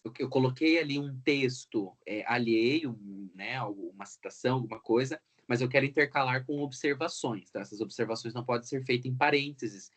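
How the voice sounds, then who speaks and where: A man, teaching a recorded grammar lesson in an explanatory way and often tagging his sentences with a quick question. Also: medium pitch, husky. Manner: explanatory, frequent tag questions.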